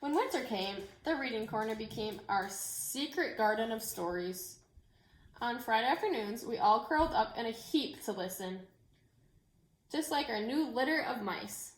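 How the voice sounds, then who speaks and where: A woman reads a children's picture book aloud in an echoey room. Her voice sits a little high, and she tells it expressively, like a teacher addressing a class of young children. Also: normal speed. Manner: animated storytelling with asides to young listeners. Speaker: teacher reading aloud to second graders.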